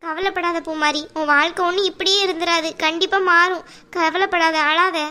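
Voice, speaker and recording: A woman's voice: extremely high pitch, steady tone, normal speed, pushed and bright. A woman voicing a kind but stern mother-in-law in a cartoon, firm and soothing by turns. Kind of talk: cartoon voice acting.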